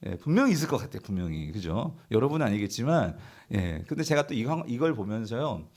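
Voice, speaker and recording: A man's voice: mid-range voice, sing-song, fast talker, a little mellow. A male pastor preaching a sermon, asking the congregation questions and answering them himself, now and then acting out the grumbling of the people in the story. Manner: acts out imagined grumbling voices of the people in the story.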